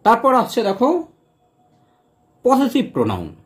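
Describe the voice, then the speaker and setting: A man teaching English grammar in a lesson, explaining step by step and slowly repeating each example sentence word by word. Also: very high-pitched, huge pitch swings. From West Bengal.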